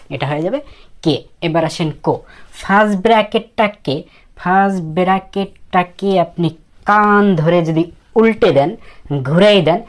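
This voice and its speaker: Woman, very low voice, casual teacher, slow step-by-step explanations, soft trailing delivery. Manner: explains slowly, repeating each step of writing the letters. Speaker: Japanese language teacher. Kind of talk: casual spoken lesson.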